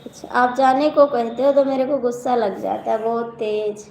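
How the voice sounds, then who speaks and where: An Awadhi-accented live-stream host and folk singer chats casually with her viewers, reading their comments aloud and teasing them. Her slightly high voice is creaky and a little mellow, at a moderate pace. The room sounds echoey, with faint background noise.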